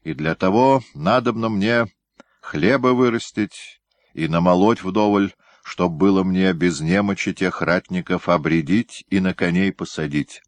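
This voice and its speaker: A man's voice: low voice, a little slow, no echo. A man voicing an earnest young male warrior in an audiobook, with old-fashioned folksy speech, tender and troubled. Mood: weary. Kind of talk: audiobook character reading.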